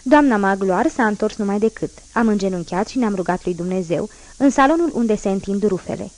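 A woman narrating a classic novel as an audiobook, in a measured, even reading voice. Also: mid-range voice.

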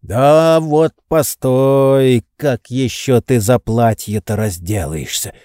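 A man voicing a hoarse, indignant old servant. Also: mid-range voice, takes it slowly, mellow, dry recording, studio quality, close to an everyday voice. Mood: boastful. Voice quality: hoarse, wheezing. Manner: heated, indignant, boastful. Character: old male servant, hoarse, touchy and devoted. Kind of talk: audiobook reading.

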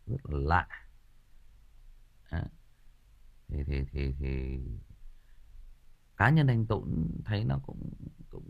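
A man's voice: low voice, lo-fi sound. A man hosting an audiobook livestream in a casual, joking chat, rambling and stumbling over repeated filler words. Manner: jokey and playful, laughs at his own stories. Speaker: audiobook host chatting with listeners.

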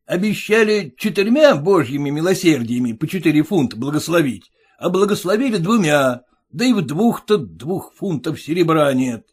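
A man's voice: a little high, very animated, moderate pace, breathy edge. A man voicing a sarcastic, quarrelsome young groom who mocks his new in-laws in a jeering, indignant way. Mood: resentful.

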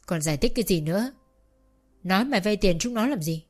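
Enraged elderly father, shouts every line; woman narrator plays him. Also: medium pitch, animated, fairly quick, soft background music, close to an everyday voice. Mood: furious. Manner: harsh, bellowing scolding. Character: furious old father-in-law, shouting man.

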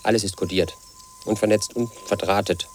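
Soft music plays behind a lowish, natural male voice moving at normal speed with a steady tone. As the lead in a radio play, the actor gives a brooding monologue as a lonely, paranoid 38-year-old who confides pedantically and obsesses over statistics and codes.

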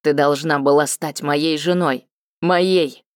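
Woman reader doing a vengeful male cat-folk villain for a fantasy audiobook, cold and low, dry close read. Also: unhurried, darkish tone, no room sound. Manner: cold, low and hissing with hatred. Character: bitter vengeful male cat-folk lord, middle-aged.

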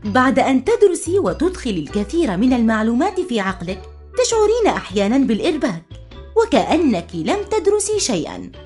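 A gentle, reassuring mother, as a woman storyteller voices her, speaking softly and calmly in a lively, rising-and-falling voice. Faint music plays behind the storybook reading. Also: high-pitched, fast talker. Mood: soothing. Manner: soft and soothing.

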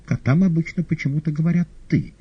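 Storybook figure: vain, theatrical male cat, raised high pitch, husky edge, read by a man. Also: fast. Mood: flattered. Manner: loud, proud, theatrical. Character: pompous male talking cat. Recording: dull lo-fi audio.

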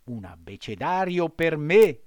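A man's voice: on the high side, very animated, a little slow, a little mellow, no room sound, clean studio sound, voice pushed up. A man voicing a naive, boastful wooden puppet boy in a storybook reading. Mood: eager.

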